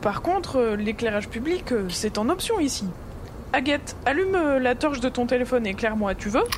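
A woman's voice: fairly high pitch, animated, normal speed, background noise, close to an everyday voice. An actress playing a fed-up, rebellious young woman traveller, blunt and colloquial, in a French audio fiction. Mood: matter-of-fact.

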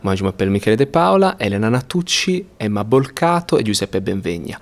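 An Italian actor with an Italian accent, answering interview questions in slow, halting French while searching for words. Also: male voice, fairly low pitch, big pitch swings. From Italy.

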